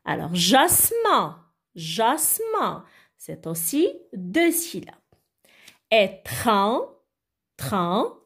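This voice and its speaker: Slow, lively woman teacher reading to children. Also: a little high, slightly rough. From Arabic-speaking country. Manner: slow, deliberate, repeating each word for children. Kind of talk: reading lesson for young children.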